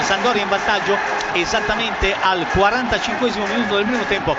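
A man giving breathless live football goal commentary, repeating himself as he follows the play. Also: high-pitched. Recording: dull lo-fi, noisy stadium crowd. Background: loud crowd.

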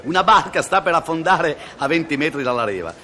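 A man's voice: a little high, fairly quick, slight background noise. A man telling jokes in a radio comedy monologue, laughing at his own punchlines and acting out the characters. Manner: lively, laughs at own jokes, acts out voices.

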